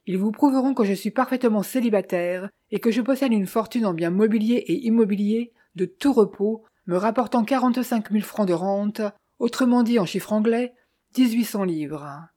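A woman reading a wealthy French gentleman who speaks seriously and firmly. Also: medium pitch, normal speed, close to an everyday voice. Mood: earnest. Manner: serious, earnest tone. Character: wealthy young French gentleman, curious and firm.

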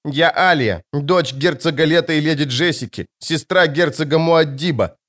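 A man voicing a precocious, eerie small girl who speaks calmly and with scorn. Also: fairly high pitch, normal speed, voice pushed up, lightly acted. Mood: mocking. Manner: calm, scornful, matter-of-fact.

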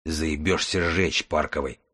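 Hoarse, desperate healer woman from a grim post-apocalyptic audiobook, read by a man: low and husky, bitter and pleading. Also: fairly even intonation, measured pace, fairly bright tone, full character voice. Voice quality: hoarse, rasping.

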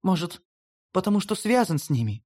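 A reader voicing a proud, haughty female goddess of death in an audiobook, speaking high and pleading. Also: big pitch swings, brisk, a little mellow. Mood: insistent. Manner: lofty, pleading, high-pitched.

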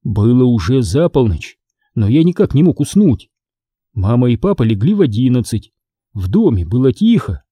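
A man narrating a first-person audiobook story in an expressive, animated way. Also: medium pitch, husky, no room sound.

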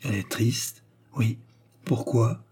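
A man's voice: mid-range voice, slow pace, darkish tone, husky. A man reading aloud, voicing an intense young woman pressing a sleeper with breathless questions.

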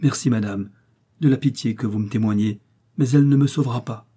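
Man playing an impassioned young knight, despairing lover, dark husky voice, voice rises on pleas. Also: mid-range voice, a little fast, close to an everyday voice. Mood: pleading. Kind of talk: audiobook reading.

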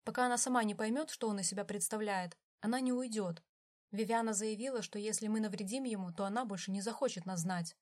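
A hot-tempered young man in a storybook reading, harsh and commanding, read in a woman's own voice. He talks at a middle pitch, with no disguise to the voice. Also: darkish tone, close to an everyday voice.

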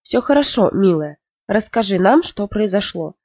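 Narrator voicing a gentle soothing mother. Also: sits high, expressive, brisk, pitched above the performer's own voice. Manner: soft and soothing. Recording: dull lo-fi, dry.

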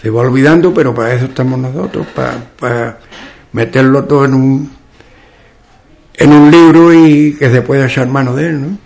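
A man from Ubrique in southern Spain with a western Andalusian accent, explaining local speech in an interview and often pausing to search for examples. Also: medium pitch, gravelly, a little mellow. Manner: slow and explanatory, often pauses with "¿qué digo yo?". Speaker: author and local dialect expert.

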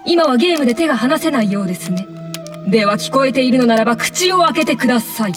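女性声優が演じる、思い込みが激しく強引な十代の女子部長。厳かな語りと大げさな叫びを行き来するアニメの芝居。. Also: female voice, high-pitched, lively intonation, quick pace, recorded from a distance, faint music behind. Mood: solemn, probing. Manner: solemn intoning that breaks into loud, indignant outbursts. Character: bossy, excitable teenage girl club president, obsessed with telepathy. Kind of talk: anime voice acting.

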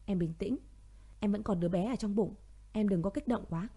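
A woman voicing a young man who gently consoles his grieving younger sister, in a narrated audio story. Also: medium pitch, brisk, slightly rough, close to an everyday voice. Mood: consoling.

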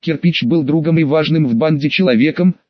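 A man reads an audiobook in a steady, even way. His voice is a little high for a man and sounds close and dry. The recording is slightly dull. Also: fairly quick, no echo. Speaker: audiobook narrator. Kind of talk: scripted narration.

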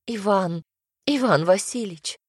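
A woman's voice: medium pitch, unhurried, husky, no room sound. A woman voicing a distraught young woman who sobs and pleads, in a dry, close reading. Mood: tearful. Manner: sobbing, pleading, snapping.

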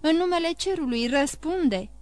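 A woman's voice: high voice, lively intonation, no room sound, voice pushed up. Brief: female reader voicing an alarmed middle-aged magistrate, barking orders, dry close read. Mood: demanding. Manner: shouting, demanding.

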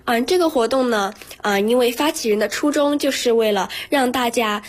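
A woman's voice: fairly high pitch, normal speed. A teenage schoolgirl answering interview questions earnestly in a radio studio, with frequent fillers. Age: teens. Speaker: student guest.

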